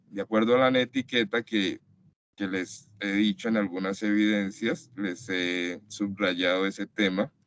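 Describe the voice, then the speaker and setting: Low-voiced man teaching a web class, patient, dry dull mic. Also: a bit bright, no room sound. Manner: patient, explanatory, many "entonces" and restarts. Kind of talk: online class lecture. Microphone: computer mic in a web conference. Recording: dry, slightly dull web-conference audio.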